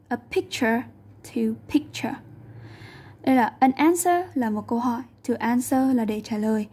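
High, husky woman teaching. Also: dark tone. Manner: patient, repeats and translates each sentence. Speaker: English teacher. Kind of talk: explaining a textbook lesson.

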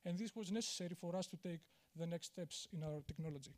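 A Greek man with a voice on the high side speaks quickly while giving a conference talk in a large auditorium. He uses a handheld mic on stage and comes across as candid and self-deprecating, with many fillers and restarts.

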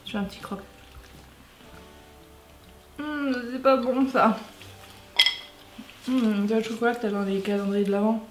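A woman's voice: a little high, steady tone, measured pace, pauses often, roomy sound, music in the background. A young woman co-hosting a taste-test video, chatting casually and slangily with her mouth full of apple. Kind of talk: casual chat while tasting food.

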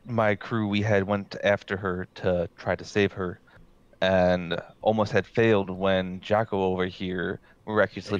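A man earnestly telling his character's story in a tabletop game, a bit halting. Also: deep voice. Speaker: player. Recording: dull lo-fi mic.

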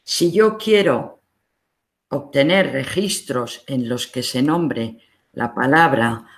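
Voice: mid-range voice, takes it slowly. A university library instructor with a Spain accent, giving a recorded online lesson and patiently explaining each step of a screen demonstration.

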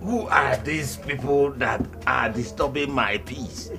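A very old village man in a Nigerian film, irritable and sly. He speaks slowly in an aged voice at a middling pitch, with a Nigerian accent, over faint music. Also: vocal fry. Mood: indignant, pleading. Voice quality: very old man's voice.

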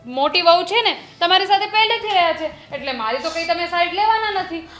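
An actress playing a younger daughter-in-law who argues back sharply and complains about doing all the housework. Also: female voice, very high voice, expressive, a little fast, a bit bright. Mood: defiant. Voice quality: argumentative, retorting. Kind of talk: village family drama acting.

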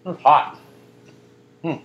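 This casual food vlog features a young reviewer speaking extremely slowly, with the high frequencies cut off in the audio. He rambles about a pizza on camera, full of fillers and deadpan digs at himself.

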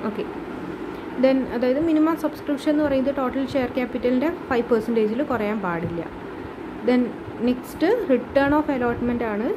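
A woman teaching commerce over slides, explaining in a mix of two languages with many fillers and reading English definitions slowly. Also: fairly high pitch, background noise.

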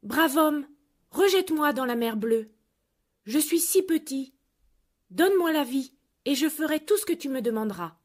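A woman's voice: high-pitched, animated, normal speed, pauses often, darkish tone, pitched above the performer's own voice. A woman voicing a little magic golden fish. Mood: pleading. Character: tiny magical golden fish granting wishes.

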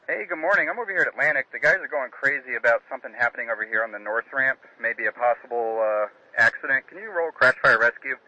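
A man's voice: medium pitch, expressive, fast, hardly any pauses, pushed and bright. A man, an airport operations officer, calling ground control over aviation radio. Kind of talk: radio call to air traffic control. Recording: muffled, noisy aviation radio transmission.

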